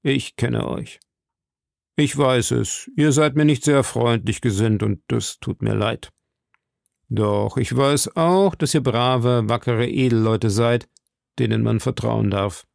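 A man voicing a stern older cardinal in an audiobook, speaking in a slow, measured, probing way. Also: mid-range voice, creaky, darkish tone, no room sound, studio quality. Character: stern, silky older male cardinal of high rank. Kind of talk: audiobook reading.

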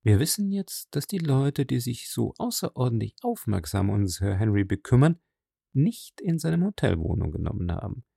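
A man voicing a shrewd, calm detective who speaks measured and thoughtful. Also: mid-range voice, gravelly, no echo, studio quality. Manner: measured, thoughtful, quietly probing.

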